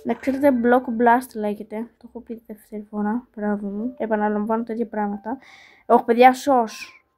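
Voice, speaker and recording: A woman's voice: on the high side, steady tone, mellow. Chatty woman thinking aloud over a game. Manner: chatty, thinks aloud about each move, repeats words like "here" and "no"; self-mocking and apologetic toward viewers. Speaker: channel host playing a mobile game. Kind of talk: casual gameplay commentary.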